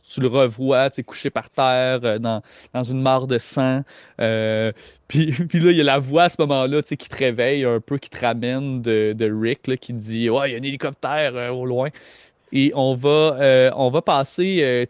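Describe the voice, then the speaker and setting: A man's voice: mid-range voice, clean tone, no room sound, studio quality. A man with a Québécois accent narrating a tabletop game as game master, rambling and hesitant, with lots of filler. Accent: Québécois French.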